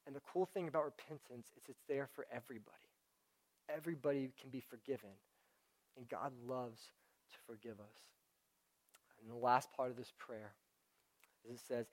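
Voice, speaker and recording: A young man giving a casual sermon, talking conversationally with many fillers. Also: medium pitch. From Houston area, United States.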